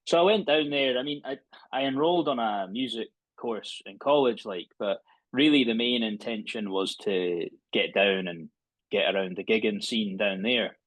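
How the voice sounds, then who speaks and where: A man from the Scottish Highlands with the local Highland accent talks in a slightly low voice. He is an easygoing interview guest, chatting informally with plenty of "aye" and "like". The sound is dry and close. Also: normal speed, fairly bright tone, dry recording, rough recording. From Inverness, Scotland. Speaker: guest musician. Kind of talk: casual interview chat. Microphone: earbuds on a remote call.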